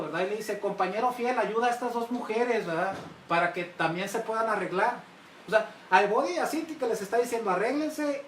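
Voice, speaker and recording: Male pastor, engaging sermon delivery, often asking his listeners questions, a bit far from the mic in an echoey room. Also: high-pitched. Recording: roomy, mic at a distance, faint hiss.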